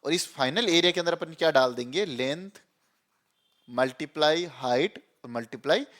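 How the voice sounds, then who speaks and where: A man's voice: on the high side, animated, moderate pace, fairly bright tone. A young man teaching a programming lesson in a chatty way, often asking and answering his own questions. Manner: chatty, repeats "theek hai" and "chalo". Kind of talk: screen-recorded coding lesson.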